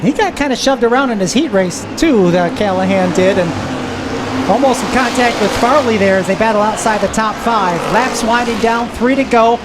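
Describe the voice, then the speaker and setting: Working trackside, a female announcer with a slightly high voice gives live commentary on a stock car race at a moderate pace, while the cars and surrounding track noise blare behind her.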